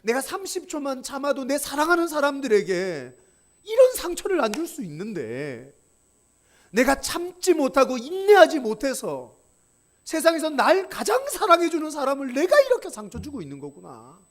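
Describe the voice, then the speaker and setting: Lively high-voiced Korean pastor preaching. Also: male voice, moderate pace. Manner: expressive preacher who acts out his own anger; leads the congregation in call-and-response reading. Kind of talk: sermon to a young adults group.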